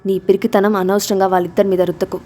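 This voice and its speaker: A woman's voice: medium pitch, little pitch movement, fast talker, darkish tone, close to an everyday voice. A woman voicing a commanding, protective father who speaks in stern warnings in a storybook reading.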